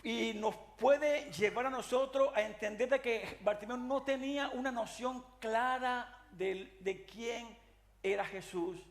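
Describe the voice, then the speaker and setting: A man preaching a sermon as pastor, earnest and searching, often restarting phrases and addressing his listeners as beloved brothers, with a Latin American Spanish accent. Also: very high voice. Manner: earnest preaching with frequent restarts and repeated "mi amado hermano".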